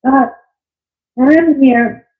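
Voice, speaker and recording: A woman's voice: high voice, very slow. Nervous woman caller on speakerphone. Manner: nervous, hesitant. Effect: on speakerphone over a phone line. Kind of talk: call-in show conversation. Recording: tinny, echoey speakerphone phone line.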